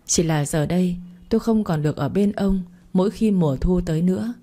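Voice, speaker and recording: A woman narrating a story in a steady, plain reading voice. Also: on the low side, fairly quick.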